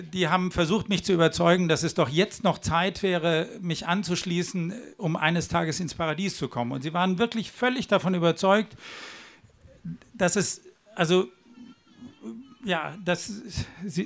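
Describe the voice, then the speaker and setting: High-voiced earnest man at a rally. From southwestern Germany. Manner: earnest and persuasive, with some restarts. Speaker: rally speaker. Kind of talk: speech at a demonstration. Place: outdoor rally.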